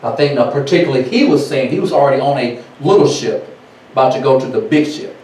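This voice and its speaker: Animated man teaching in an echoey hall. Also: mid-range voice, quick pace, recorded from a distance. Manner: animated, reads aloud then riffs in casual speech. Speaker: teacher at a ministry. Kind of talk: sermon-style Bible teaching.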